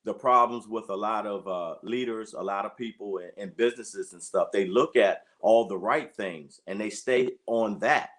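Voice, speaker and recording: A man's voice: on the low side, normal speed, few pauses, a bit bright. Earnest man in his late fifties. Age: 50s. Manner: earnest, repeats "you know" often. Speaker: guest, track and field coach. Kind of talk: conversational interview.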